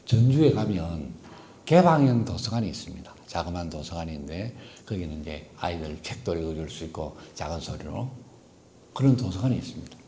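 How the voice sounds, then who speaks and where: A middle-aged teacher with a Gyeongsang Korean accent gives a guest lecture built on stories. His voice is dark and mellow. He asks his listeners questions and acts out the people in his stories. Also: low-pitched, expressive, brisk, slight background noise. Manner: acts out quoted voices and poses rhetorical questions. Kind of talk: storytelling public lecture.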